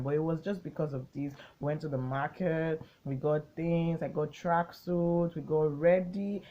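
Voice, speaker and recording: Low-voiced woman chatting. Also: muffled recording. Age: 20s. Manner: chatty, rambling, gets excited recounting the story. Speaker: vlogger. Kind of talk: casual storytime chat.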